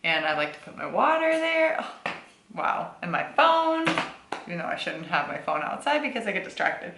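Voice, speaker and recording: A woman's voice: mid-range voice, sing-song, normal speed, roomy sound, noisy background. A bubbly, chatty young woman vlogging casually about her reading, with slangy asides. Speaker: book vlogger. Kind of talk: casual vlog chat. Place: home, indoors.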